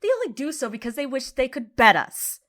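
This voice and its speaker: A woman's voice: mid-range voice, fairly quick, close to an everyday voice. A woman voicing a haughty, scornful female tree spirit. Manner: haughty, sharp.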